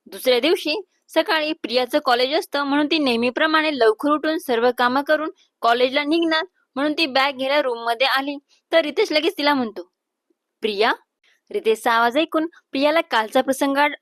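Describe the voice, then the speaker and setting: Woman storyteller, high voice, dry close recording, steady scripted narration. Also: fairly quick, dry recording.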